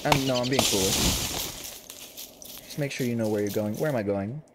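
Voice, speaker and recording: A man streaming a survival game late at night, commenting to himself in a jokey, excitable way. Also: mid-range voice, normal speed, heavy background noise. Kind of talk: casual gameplay commentary. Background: loud game music.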